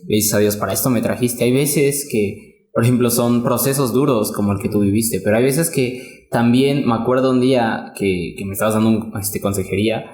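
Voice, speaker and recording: A man's voice: medium pitch, normal speed, a little mellow. A man hosting a casual interview podcast, chiming in often with short responses and laughter. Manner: frequent short backchannels and laughs. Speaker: podcast host. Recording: roomy echo.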